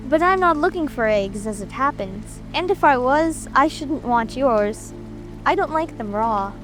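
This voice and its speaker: Storybook heroine adult actress: young girl, high-pitched, curious and polite, puzzled by everything, faint music underneath. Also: animated, a little slow. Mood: hasty, indignant. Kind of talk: dramatic audiobook reading.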